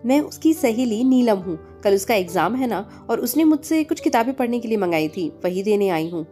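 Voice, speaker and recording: A woman's voice: on the high side, animated, moderate pace, dark tone, natural voice. A woman voicing an outspoken young woman who talks back boldly. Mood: cheeky. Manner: bold, cheeky. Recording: faint music behind.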